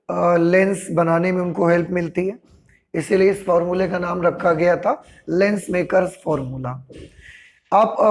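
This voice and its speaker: A man teaching a physics class, explaining slowly and repeating key points step by step. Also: sits high. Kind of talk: classroom lecture.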